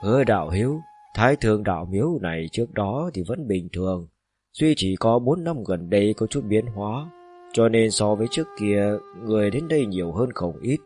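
A man voicing a hesitant, deferential old male cultivator who speaks low and respectfully in a storybook reading. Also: animated, a little fast, warm tone, faint music behind, lightly acted. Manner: respectful, low-voiced address.

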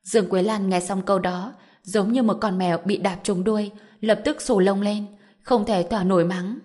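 A woman narrates a web novel audiobook in a steady, even read. Her voice sits at a middle pitch. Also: normal speed.

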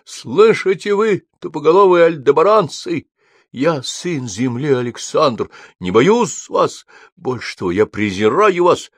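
A man's voice: fairly high pitch, big pitch swings, a little slow, dry recording, voice pushed up, exaggerated voice. A man voicing a melodramatic young hero in an audiobook, exclaiming and declaiming. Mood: pathetic, rousing.

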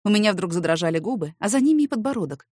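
Animated woman narrating a novel. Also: medium pitch, racing, slightly rough, no echo, clean studio sound. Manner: expressive, animated reading. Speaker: audiobook narrator. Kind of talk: first-person novel narration.

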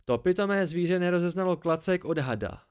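Male narrator doing a teasing young woman, lively and higher-voiced, in a storybook reading. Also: smooth. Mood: animated.

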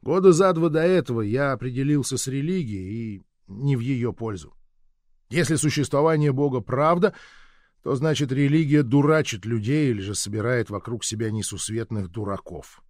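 A man doing a measured, sardonic scripted narration of an audiobook. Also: medium pitch, a little mellow, no echo, studio quality.

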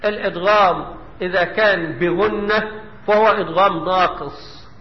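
Egyptian man, high voice, Quran recitation teacher quizzing students, dull sound with long hall echo. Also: fairly even intonation, normal speed. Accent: Egyptian Arabic. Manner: quizzes the class and answers himself. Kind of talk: tajweed lesson with chanted recitation.

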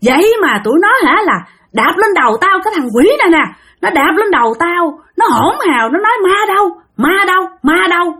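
A woman's voice: on the high side, lively intonation, a little fast, hardly any pauses. A woman voicing a furious male spirit that has possessed a boy, screaming accusations with a Southern Vietnamese accent.

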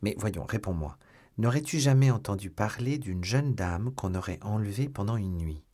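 A man's voice: fairly low pitch, lively intonation, moderate pace, mellow. A man playing an eager young guardsman. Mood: urging.

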